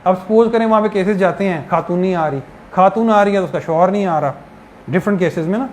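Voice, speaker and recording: A man with a fairly high voice lectures on law in a classroom, walking through examples in a patient, explanatory way. The room rings with echo, and a faint hiss sits underneath. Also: fast. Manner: explanatory, uses worked examples. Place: lecture hall. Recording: echoey hall with background hiss.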